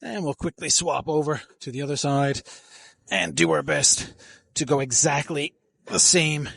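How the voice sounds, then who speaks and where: A man's voice: a little high, vocal fry, a bit bright, slightly rough, dry recording. A man talking through his workout in a gym, coaching and rambling casually into a handheld mic, breathing hard between sets. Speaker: fitness vlogger. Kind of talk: casual gym vlog narration.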